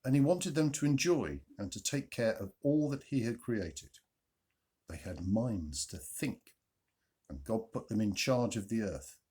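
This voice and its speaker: A man with a husky, lowish voice reads a children's story with very lively intonation. He dramatically stresses key words, uses dramatic pauses, and turns to ask his young listeners questions as an expressive storyteller.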